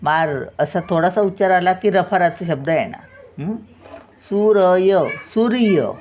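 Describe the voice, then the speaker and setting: A woman's voice: fairly low pitch, a little slow, darkish tone, slight background noise. An older woman teaching a spelling lesson, patiently sounding words out syllable by syllable.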